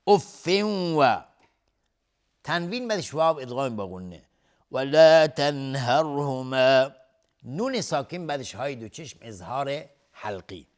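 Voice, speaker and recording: A man with a Persian accent leads a recitation lesson. He draws out each verse in a slow, raised chant, then drops into brisk, matter-of-fact explanation of the rules. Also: medium pitch, sing-song. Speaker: Quran recitation teacher.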